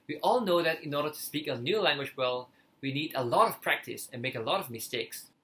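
A man's voice: on the high side, sharp tone, rough recording. A young man from Hong Kong with a Cantonese accent, a native Cantonese speaker, talking earnestly to camera as a language-learning vlogger. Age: young adult. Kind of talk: earnest opinion talk to camera. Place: small living room, indoors.

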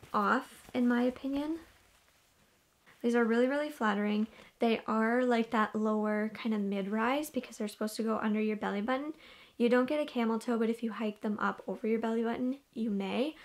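A woman in her twenties chatting casually through a gym clothing review, often repeating "really, really" and "like", recorded in a small wood-panelled bedroom on a camera across the room. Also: on the high side.

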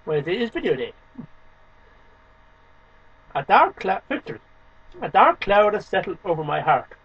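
A man in his thirties, an amateur poetry reader who hosts videos, recites poems to camera from a small shelf-lined room at home, declaiming emphatically in short phrases. His high voice is very animated and fairly bright, with a breathy edge, at a normal speed. A webcam microphone a short distance away gives dull, lo-fi sound with no room sound.

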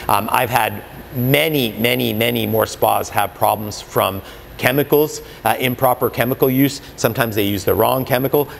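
Speaking into a lapel mic, an earnest Canadian man in his forties shows products while explaining hot tub care to camera at a spa supply store, restarting often and using plenty of fillers. His medium-pitched voice has vocal fry. The sound is big-room, with slight background noise.

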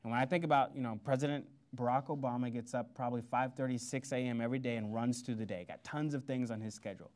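A man from Missouri giving a motivational talk, telling a story with animated quoted voices. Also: mid-range voice, quick pace, few pauses. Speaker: guest speaker. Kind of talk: motivational speech. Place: lecture hall before an audience.

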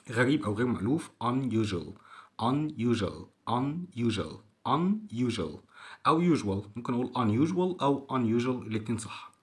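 This is a young adult man with an Egyptian Arabic accent who teaches English vocabulary to children. He says each new word several times over in a voice of ordinary pitch.

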